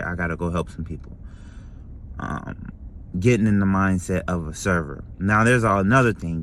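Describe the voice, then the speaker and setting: A young man with a low, deep voice talks casually to camera in a vlog. He rambles, restarts his sentences and keeps checking in with the listener. A faint hum of room ambience sits behind him. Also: fairly bright tone. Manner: rambling, self-correcting, says "you know what I mean". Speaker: restaurant server vlogger. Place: lives in Florida.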